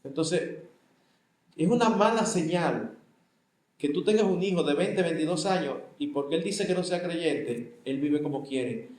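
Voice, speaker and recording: Older Dominican man, pastor, conversational sermon, slightly high voice, echoey room. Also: a little slow, a little mellow. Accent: Dominican Spanish. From Dominican Republic. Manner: conversational, acts out family dialogues with voices. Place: church hall.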